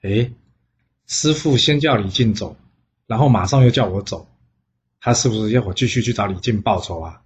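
A man's voice: on the low side, moderate pace, pauses often, highs cut off, a little hiss or hum, close to an everyday voice. Nezha, a man voicing a cocky boy warrior. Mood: scheming. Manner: rude and cocky. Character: brash defiant boy warrior.

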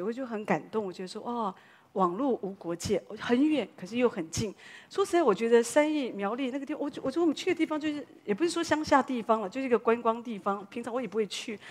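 A woman pastor, preaching a sermon as a lively story full of exclamations. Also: on the high side.

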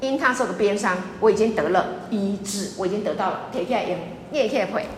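A woman pastor giving a lively sermon, repeating her points emphatically and often asking the congregation questions. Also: mid-range voice, fast talker. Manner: repetitive, emphatic preaching with audience questions. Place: church sanctuary. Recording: echoey church hall with faint noise.

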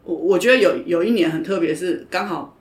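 A woman's voice: on the low side, brisk. Woman coach, blunt and emphatic, recorded in a roomy space. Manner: frank, emphatic, often repeats herself. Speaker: judo coach and podcast guest. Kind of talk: casual interview chat. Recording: roomy echo.

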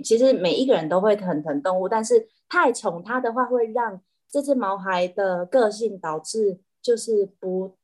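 A woman, an animal communicator chatting as a guest, telling stories in an animated way with frequent restarts. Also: medium pitch. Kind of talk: casual chat.

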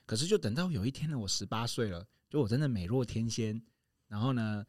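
A man's voice: medium pitch, expressive, quick pace, a little mellow, no room sound, studio quality. A man, a podcast guest telling a fairy tale playfully and hamming it up. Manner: hammy, casts himself as the princess. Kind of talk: playful storytelling.

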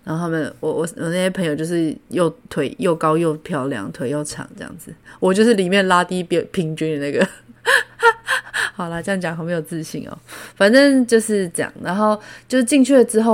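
A woman from Taiwan with a Taiwanese Mandarin accent, hosting a podcast and telling stories in a casual, animated way, laughing often. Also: lowish voice. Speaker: podcast host. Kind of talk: casual storytelling.

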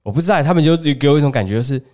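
Speaking in a mid-range, slightly mellow voice, this podcast co-host races along animatedly. He has a Taiwanese Mandarin accent and, in casual conversation, recounts family stories while performing the characters' lines.

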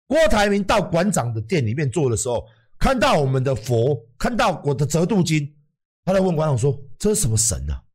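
Taiwanese mandarin guy ranting on his stream, kinda high voice, swings all over, cusses a lot. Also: very animated, fairly quick, slightly rough. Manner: blunt, emphatic, swears freely, acts out quotes. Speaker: livestream host. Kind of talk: livestream rant to viewers.

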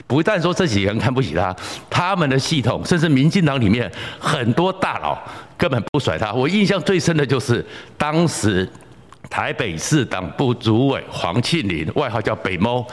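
A man's voice: mid-range voice, long reverb tail. Emphatic commentary man. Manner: emphatic, lecturing. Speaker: host. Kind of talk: political commentary.

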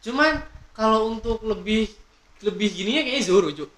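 Young male podcast host, high and bright, laughs a lot, swears a lot. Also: normal speed. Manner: excitable, laughing, swears often. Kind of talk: casual chat. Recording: echoey room.

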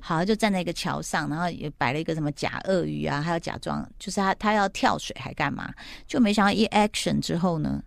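A woman's voice: fairly low pitch, fast talker, gravelly, no room sound. A middle-aged woman host in casual chat, animatedly retelling a TV plot and acting out the quotes.

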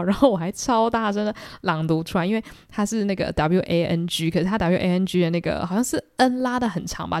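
A young woman from Taiwan with a Taiwanese Mandarin accent, hosting a podcast and telling self-mocking stories in an animated way. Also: medium pitch, no room sound, studio quality. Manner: animated, self-mocking, acts out quoted lines. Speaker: podcast host. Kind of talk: solo storytelling chat.

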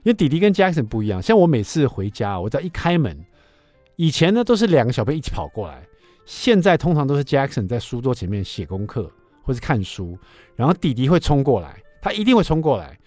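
A man, hosting a radio show and telling a story in a chatty, lively way. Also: medium pitch, fast talker, no room sound, faint music behind. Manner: lively, chatty, asks listeners for agreement. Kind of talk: casual storytelling on talk radio. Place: radio studio.

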